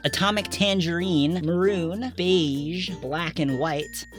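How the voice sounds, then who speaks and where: A young man hosting a casual question-and-answer vlog, excitable and opinionated. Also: on the high side, slow, over music. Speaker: YouTube vlogger answering viewer questions.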